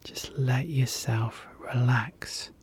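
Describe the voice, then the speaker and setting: A relaxation guide leads a guided hypnosis session in a soft, soothing whisper, repeating gentle, calming phrases. The voice is husky and mid-range, and the guide takes it slowly.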